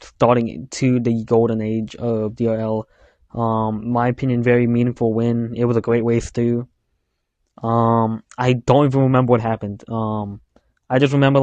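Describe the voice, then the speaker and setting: A man's voice: medium pitch, a little mellow, no room sound, highs cut off. A young man talking about his racing league, hesitant and full of ums and restarts. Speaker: league member. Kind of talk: casual chat.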